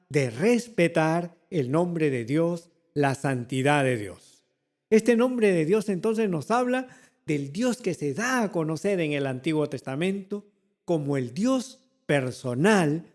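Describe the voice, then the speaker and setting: A man preaching a sermon as pastor, slowly and deliberately, repeating key phrases and asking the congregation rhetorical questions. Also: on the high side, darkish tone, in a large hall. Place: church.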